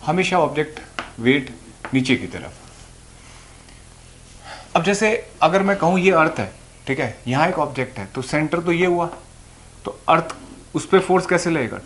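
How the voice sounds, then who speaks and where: Hindi physics teacher lecturing at a board. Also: male voice, a little high, slight background noise. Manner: explains patiently, asks and answers own questions. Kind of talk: classroom lecture. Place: classroom or room with a board.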